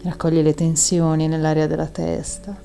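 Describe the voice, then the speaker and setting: A woman with a low, creaky voice guides a breathing meditation at a moderate pace, keeping things soft and soothing. Long exhales can be heard, and soft music plays underneath.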